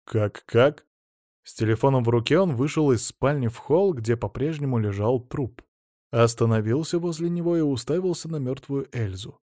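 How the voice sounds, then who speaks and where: A man narrating a story in a measured, steady reading voice. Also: medium pitch, dry recording, clean studio sound. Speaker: audiobook narrator. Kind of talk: scripted narration.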